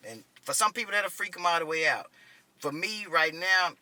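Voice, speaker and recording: A man in his thirties with a sharp, very bright voice, pitched a little high, recounting his days as a medic. He talks loosely and profanely, checking in with the listener again and again. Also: normal speed, dry recording. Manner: profane, conversational, keeps asking "you know what I'm saying". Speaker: army medic veteran telling war stories. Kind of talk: casual first-person storytelling.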